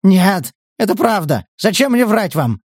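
A man's voice: fairly high pitch, animated, takes it slowly, no echo, studio quality. A man voicing a wounded male scout who pleads desperately under interrogation. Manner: strained, desperate.

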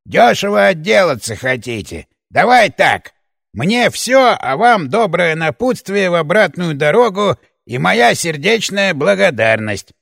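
Man doing a gravelly, sneering old chief. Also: high voice, sing-song, a bit bright, dry recording, clean studio sound, exaggerated voice. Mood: mocking, haggling. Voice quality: gravelly creaky voice. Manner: slow, sneering, threatening drawl. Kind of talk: audiobook character voice.

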